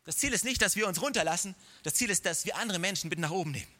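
A man's voice: sits high, expressive, rapid-fire, sharp tone. A man preaching a sermon, speaking straight to the listener with encouragement and humorous asides. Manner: direct, encouraging address to the listener. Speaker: pastor.

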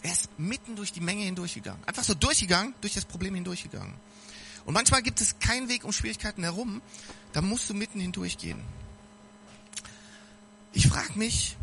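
Casual preacher, male, bright and fairly high voice, addresses the congregation directly. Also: expressive, moderate pace, creaky, pauses often, slight background noise. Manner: speaks directly to listeners, casual and earnest. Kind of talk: informal sermon.

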